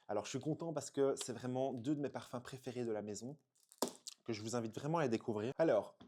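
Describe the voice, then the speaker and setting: A man's voice: medium pitch, dark tone. Gushing French man reviewing perfumes. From France. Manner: gushing, exclamatory, frequent hesitations. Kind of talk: enthusiastic unboxing review.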